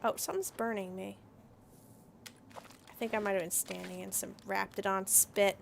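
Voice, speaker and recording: A woman's voice: medium pitch, steady tone, normal speed, vocal fry, a little hiss or hum. A woman streamer chatting dryly while playing a game, with wry asides. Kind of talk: casual gameplay commentary.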